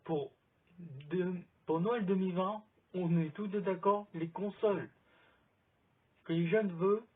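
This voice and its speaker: A man holding up his phone outdoors in the sun rambles casually, giving chatty recommendations for his vlog. His high-pitched, slightly rough voice is unhurried with fairly even intonation, and the phone camera makes it sound thin.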